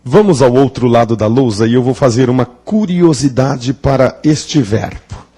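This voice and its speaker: A Portuguese teacher stands at a classroom blackboard giving a grammar lesson, playfully quizzing the class and stretching out words for emphasis. His voice is medium-pitched, mellow and husky, at a normal speed.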